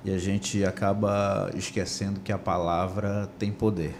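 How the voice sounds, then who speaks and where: A man with a Brazilian Portuguese accent hosting a church podcast, drawing slow, reflective lessons from his guest's story. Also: low voice, flat delivery, gravelly, noisy background. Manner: brief affirming interjections, slow reflective comments. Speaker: podcast host.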